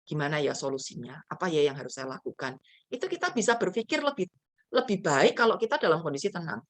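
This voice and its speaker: A woman's voice: fairly low pitch, a bit bright. A woman pastor preaching to students in a chatty storytelling way. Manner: chatty storytelling with frequent fillers. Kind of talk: sermon to a student fellowship.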